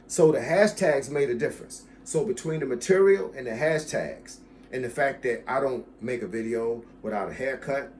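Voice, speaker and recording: A man's voice: medium pitch, normal speed, darkish tone, slight background noise. Emphatic fitness coach in his fifties. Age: 50s. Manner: emphatic, repeats key phrases, addresses viewers as y'all. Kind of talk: casual talk to camera about his channel.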